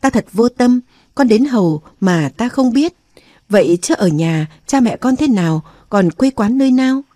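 A woman voices a weary young queen, regal in mood, mellow, earnest and confiding. Her delivery is a little high with lively intonation at a moderate pace, pitched above her natural voice yet close to everyday speech. The recording is dry and studio quality.

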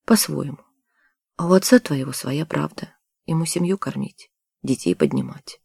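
A narrator reading the lines of a calm, matter-of-fact adult male journalist in an audiobook. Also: on the high side, normal speed, creaky, breathy edge, no echo, studio quality, heavily acted.

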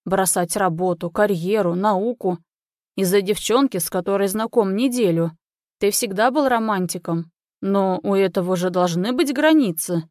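A woman voicing a middle-aged father, a doctor, who speaks calmly and pleadingly in a story reading. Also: medium pitch, normal speed, dry recording, clean studio sound, close to an everyday voice. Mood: reproachful. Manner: calm, reasoning, pleading.

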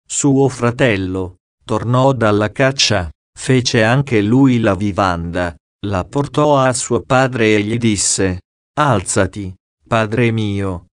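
A man narrates an ancient religious text at an unhurried, deliberate pace. His voice sits at a mid pitch and stays solemn and measured throughout. The recording is dry and close, with no room sound. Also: dry recording. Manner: slow, solemn, measured delivery. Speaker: audiobook reader. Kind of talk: scripted scripture reading.

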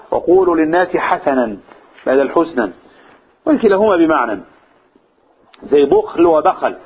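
A man with an Egyptian accent explains a religious text to a class. He often stops to ask his listeners questions and repeats key phrases. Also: a little high. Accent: Egyptian Arabic. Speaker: religious teacher. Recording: tinny phone-like, husky sound.

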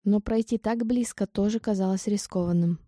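A woman reading a first-person audiobook in an even, steady storytelling manner. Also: medium pitch, normal speed, dry recording, clean studio sound. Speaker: audiobook narrator.

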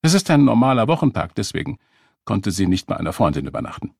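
A woman's voice: very deep voice, very animated, fast, gravelly, darkish tone, slightly rough, no room sound, studio quality, heavily acted. A man voicing an indignant, defensive woman. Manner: flustered, snapping retorts. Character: defensive, quick-tempered single mother on a date.

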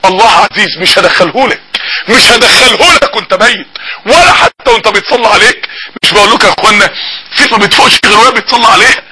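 A male preacher with an Egyptian accent delivers an impassioned sermon at a quick clip. His voice sits very high and sounds piercingly bright. He pleads with his listeners and at times comes close to tears. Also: low-quality recording. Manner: emotional, pleading, at times tearful.

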